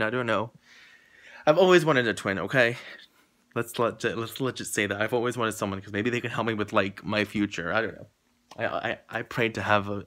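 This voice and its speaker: A young man in casual vlog storytelling mode, talking to his viewers and rambling through his tale. He acts out every exchange, so his voice jumps high and wide when he gets worked up, then drops back down to a mutter. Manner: animated, rambling, acts out quotes with jumps in pitch. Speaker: vlogger.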